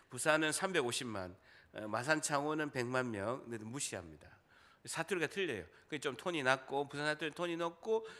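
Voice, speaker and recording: A middle-aged man from Busan with a Gyeongsang accent, preaching a sermon as pastor, quizzing the congregation and joking. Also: a little high. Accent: Gyeongsang dialect. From Busan, South Korea. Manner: animated, quizzes the congregation and jokes.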